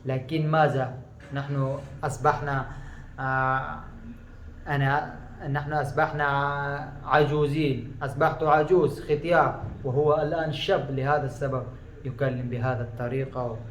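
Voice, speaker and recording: A man from Afghanistan whose first language is Pashto, explaining proverbs in a lesson, slow and halting with many pauses and fillers. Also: medium pitch, steady tone, slight background noise. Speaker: language teacher. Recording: echoey room.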